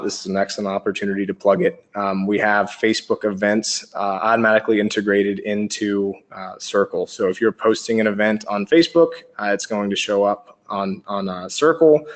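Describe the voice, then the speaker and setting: Male webinar presenter, low voice, flat delivery, lots of ums and uhs. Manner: steady explaining with many ums and uhs. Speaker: company presenter.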